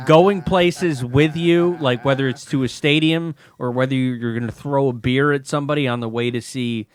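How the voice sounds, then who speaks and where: A man's voice: medium pitch, fairly even intonation, moderate pace. A man, co-hosting a podcast, rambling through directions and teasing his friend in exasperation. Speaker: podcast co-host. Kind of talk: casual chat.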